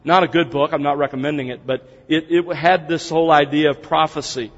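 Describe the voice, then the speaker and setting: An American man opens a seminar for a congregation with prayer, then explains things step by step in an earnest, conversational manner. His voice is fairly high and steady, moving a little fast. The recording sounds dull and echoes like a hall.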